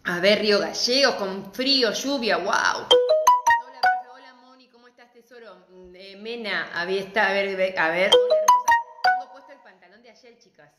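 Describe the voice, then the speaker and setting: A middle-aged woman with an Argentine accent, teaching a live-stream craft class and greeting viewers warmly and chattily. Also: mid-range voice, normal speed, over loud music. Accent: Argentine Spanish. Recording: echoey room.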